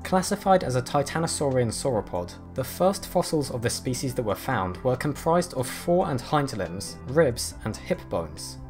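A man narrating a scripted nature documentary in a measured, explanatory way. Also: mid-range voice, very animated. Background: background music.

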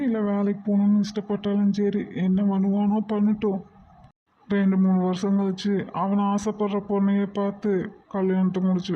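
A woman's voice: mid-range voice, highs cut off, slight background noise, lightly acted. A woman voicing a stern, weary parent of the groom in a cartoon, with a Kongu Tamil accent and a blunt manner.

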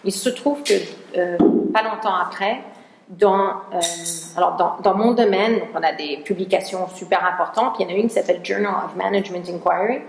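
A woman researcher lectures to an audience with a gravelly, creaky edge to her mid-pitched voice. She often gropes for the right word and restarts sentences. The hall gives her voice a roomy echo. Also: brisk. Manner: searching for words, frequent restarts. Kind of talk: conference talk.

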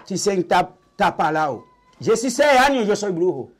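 An older man with a Haitian accent, a vodou priest telling his story in a halting, repetitive way in an interview. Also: sits high, sing-song, slightly rough. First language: Haitian Creole. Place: small indoor shrine room.

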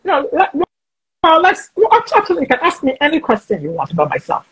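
A woman in her forties hosts a casual video-call interview in a high-pitched voice whose pitch swoops wildly. She speaks briskly, frankly and chattily, often talking over herself with restarts, and the audio is poor.

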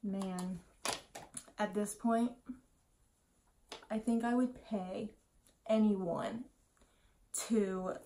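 In a small room at home, a woman in her twenties, tipsy on wine, rambles casually and scatterbrained through a makeup tutorial. Her medium-pitched voice is steady and very slow with frequent pauses, and she mutters self-deprecating asides to herself over a noisy background.

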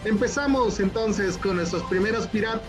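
Upbeat guy running an online kids party, high voice, music under him. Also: moderate pace. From Mexico. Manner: animated, coaxing, repeats himself. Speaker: teacher trainer hosting a children's event. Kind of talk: lively online workshop hosting.

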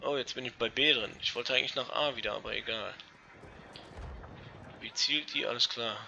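A young man giving casual, excitable commentary over an online shooter match, swearing and talking to his viewers. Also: medium pitch, normal speed, vocal fry, slight background noise. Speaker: let's play gamer. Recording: dull lo-fi gaming mic.

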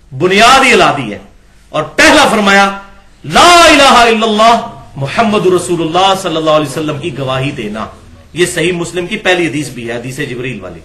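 Guy lecturing on religion, high bright voice, pokes at the text with questions. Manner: reads from books and comments sharply, with rhetorical questions. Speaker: Islamic lecturer.

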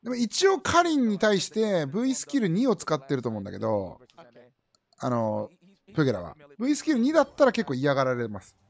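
A man in his thirties with a fairly high, lively voice gives casual esports commentary. His remarks come short and often repeated, with plenty of movement in pitch. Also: brisk, vocal fry. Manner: clipped, repetitive short remarks. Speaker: livestream commentator. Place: indoor room, streamer's desk.

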